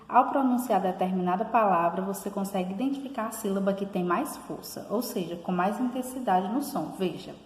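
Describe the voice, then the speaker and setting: Woman teacher in echoey room. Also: medium pitch. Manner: slows and stresses example words, calling them out. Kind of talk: online recorded lesson. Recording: echoey room with long reverb.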